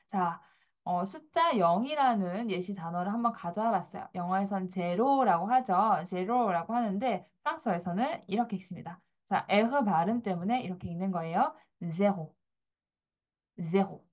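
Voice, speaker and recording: A woman teaching French pronunciation to Korean learners at a steady, calm pace. She explains each sound patiently and says every example word twice so the listener can repeat after her. The recording is slightly dull and lo-fi. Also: mid-range voice. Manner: patient, repeats words slowly for practice. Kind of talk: pronunciation lesson.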